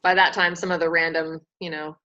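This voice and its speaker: A woman hosting a casual team call, chatty and laughing often, acting out quotes in a higher voice. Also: flat delivery, fairly quick, sharp tone. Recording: dull lo-fi call audio.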